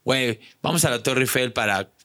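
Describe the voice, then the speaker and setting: A man's voice: mid-range voice, a little fast, fairly bright tone, no room sound, clean studio sound. A young man with a Mexican Spanish accent tells a story to a podcast host in a casual, slangy way and acts out the voices of the people in it. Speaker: podcast guest.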